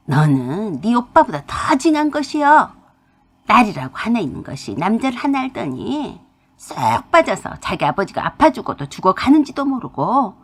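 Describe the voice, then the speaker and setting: Woman doing old mother, angry, harsh slow scolding, husky voice, radio-story reading. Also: fairly low pitch, voice pushed down, full character voice. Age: older. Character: bitter scolding old mother, widowed and lonely.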